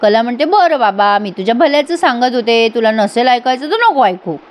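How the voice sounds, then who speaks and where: A woman narrating a recap of a TV serial episode, acting out each character's lines with lively emphasis. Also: a little high, fairly quick. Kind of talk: voice-over recap acting out dialogue.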